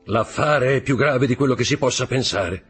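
A man's voice: mid-range voice, normal speed, slightly rough, soft background music, voice pushed up. A man voicing a grave, worried male shipowner with a raised, earnest delivery in a storybook reading. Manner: earnest, urgent.

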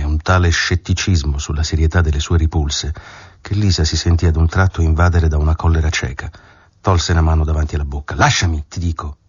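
Very deep, husky male audiobook narrator. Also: darkish tone, dry recording. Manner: measured, dramatic storytelling. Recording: dull lo-fi dry recording.

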